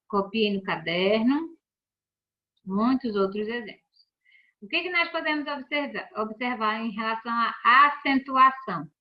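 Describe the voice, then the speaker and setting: A woman teacher giving a recorded remote lesson, explaining patiently and checking in with her students often. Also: a little high. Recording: dull lo-fi sound.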